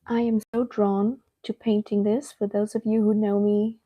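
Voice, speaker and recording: On a lo-fi recording, a middle-aged Cape Town woman speaks at a medium pitch with little rise or fall. She paints live from her home studio, chatting straight to her viewers at a leisurely pace.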